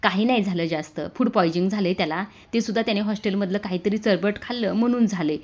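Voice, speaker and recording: A woman voicing a woman who calms someone down in a soothing, hurried way. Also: medium pitch, close to an everyday voice. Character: calming woman hiding a secret.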